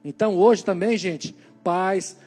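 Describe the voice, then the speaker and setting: High-voiced Brazilian man, animated preaching. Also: slow pace, soft background music. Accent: Brazilian Portuguese. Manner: animated storytelling, acting out quoted dialogue. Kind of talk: sermon-style talk on parenting.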